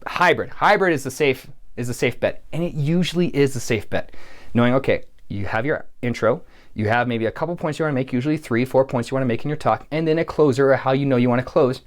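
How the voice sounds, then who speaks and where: A man's voice: mid-range voice, fast talker. A man coaching public speakers in an earnest, encouraging way, often restarting and repeating words as he talks. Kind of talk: coaching video talk to camera.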